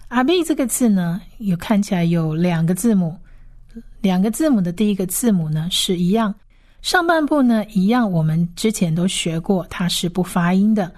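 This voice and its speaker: A woman teaching Hebrew on a radio lesson, slowly spelling out sounds and repeating each word several times. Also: mid-range voice, animated, a little mellow.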